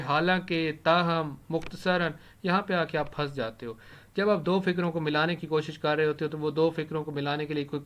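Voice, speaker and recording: A man's voice: a little high, a bit bright. Man teaching with keyboard clicks. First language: Urdu. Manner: repeats key words slowly while typing them. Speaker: English vocabulary teacher. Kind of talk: recorded lesson, typing while explaining.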